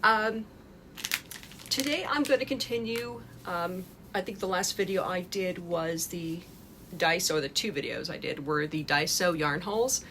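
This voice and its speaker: A woman chats casually to her camera at home, rambling with plenty of fillers and restarts. Her voice sits a little low but sounds bright and forward. Faint noise hums behind her. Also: measured pace. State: a little out of breath. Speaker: crochet vlogger. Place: home in Japan.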